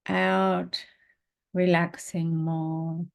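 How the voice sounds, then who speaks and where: A woman teaching a spiritual class, guiding a meditation in a slow, calm, gentle way and reading aloud. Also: lowish voice, creaky.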